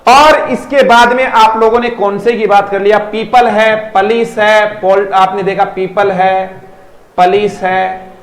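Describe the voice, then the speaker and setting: His high voice stays steady at a measured pace as he teaches an online English class, emphatically repeating words so students can drill pronunciation. He's fond with them and asks questions to check understanding. The sound is reverberant and the recording rough.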